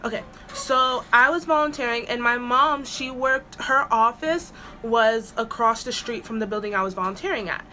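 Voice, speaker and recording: A woman's voice: on the high side, moderate pace, few pauses, pushed and bright, slight background noise. A woman vlogger telling a storytime at home, chatty and rambling with lots of "like"s and restarts. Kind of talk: storytime vlog. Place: at home with an air purifier running.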